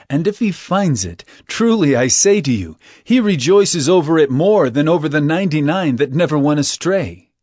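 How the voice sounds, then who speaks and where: In a dramatized scripture reading, an actor portrays Jesus as an earnest, emphatic teacher telling solemn parables. His male voice is mid-range, a little mellow and close to an everyday voice.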